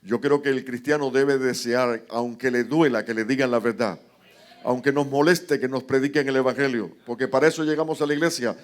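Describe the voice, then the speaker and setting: Male pastor, mid-pitched voice, impassioned sermon delivery, dramatic retelling of scripture. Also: steady tone, brisk. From Cuba. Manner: rhetorical asides to the congregation.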